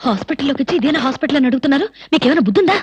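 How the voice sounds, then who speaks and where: A shrill, scolding young wife. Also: female voice, lively intonation, racing, a little mellow, no echo, dull audio. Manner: shrill, nagging, melodramatic. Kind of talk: 1990s film comedy acting.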